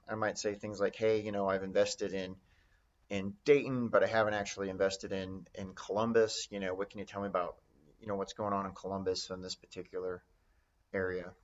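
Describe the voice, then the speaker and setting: A man with a lowish voice teaches real estate note investing in an informal, conversational style, acting out sample phone calls along the way. The recording has its highs cut off.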